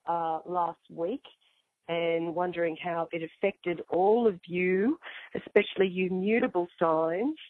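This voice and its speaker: Croaky, hoarse woman on a phone-like line. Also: on the low side, no echo. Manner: chatty, informal, addresses listeners directly. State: getting over flu. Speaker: host and astrologer. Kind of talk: astrology show monologue, casual address to listeners.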